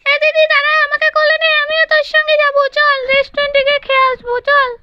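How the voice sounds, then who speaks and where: A woman's voice: level tone, fast, highs cut off. Woman doing a whiny little boy. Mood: pleading. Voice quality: high childish pleading voice. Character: whiny little boy, small younger brother.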